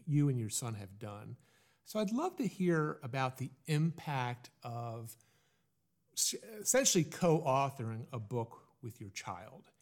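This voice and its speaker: Male podcast host, friendly, upbeat, mid-pitched voice. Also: darkish tone. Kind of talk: podcast interview.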